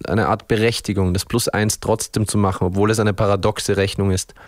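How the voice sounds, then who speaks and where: A man's voice: on the low side, little pitch movement, a little fast, dry recording, clean studio sound. A man from Upper Austria with an Austrian accent, a band frontman giving a radio interview, thinking aloud and restarting his sentences. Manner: thoughtful, searching for words, many restarts.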